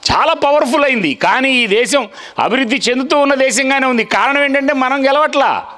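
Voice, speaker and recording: A man speaks in a very high, lively voice. He delivers a fiery speech at a village meeting, repeating his points and pressing the crowd to answer him. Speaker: public speaker.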